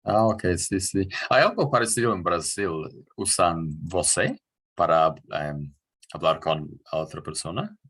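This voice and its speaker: A man's voice: sits low, expressive, unhurried, fairly bright tone, husky. A man from New Zealand who speaks natively, hosting the talk and asking careful questions with small hesitations. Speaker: host. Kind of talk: casual interview.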